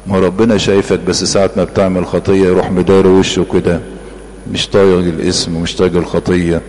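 Deep-voiced Egyptian preacher in a reverberant hall. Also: male voice, flat delivery, fast, a little mellow. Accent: Egyptian Arabic. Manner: earnest, repetitive emphatic phrasing. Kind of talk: sermon.

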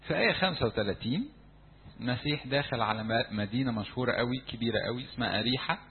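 A man with an Egyptian Arabic accent preaching a sermon to young people in a church, animated and acting out crowd voices. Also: mid-range voice, rapid-fire, narrow, tinny audio, slight background noise. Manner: animated, acts out crowd voices, shouts for emphasis.

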